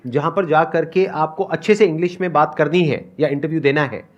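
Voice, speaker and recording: A man's voice: on the high side, a little fast, highs cut off. A man hosting a live seminar, chatty and joking about himself, mixing Hindi and English. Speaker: seminar host.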